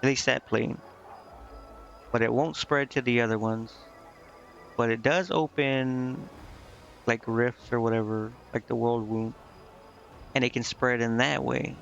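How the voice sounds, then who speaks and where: A man streaming a game rambles casually, hesitant, vague, and meandering, sometimes reading dialogue aloud. His medium-pitched voice is steady, unhurried, and a bit bright, with frequent pauses and soft background music. The dull lo-fi mic picks up clear background noise.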